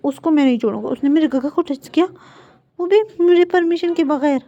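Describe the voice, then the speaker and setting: A woman voicing a playful young man who pleads and gets excitable. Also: high-pitched, brisk, dry recording, muffled recording, pitched above the performer's own voice. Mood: outraged.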